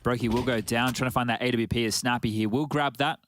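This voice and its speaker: A man's voice: medium pitch, steady tone, quick pace, very noisy. A man giving live esports colour commentary as an analyst.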